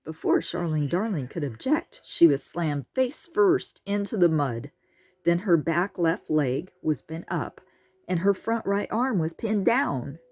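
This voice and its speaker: A woman reading a children's storybook aloud, slow and expressive. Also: lowish voice, dry recording. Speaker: audiobook reader. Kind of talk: storybook narration.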